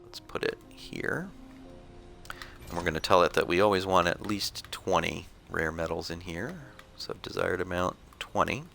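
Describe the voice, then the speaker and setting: A man giving relaxed, explanatory commentary on his own gameplay, thinking aloud as he plays. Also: deep voice, moderate pace, gravelly, soft background music.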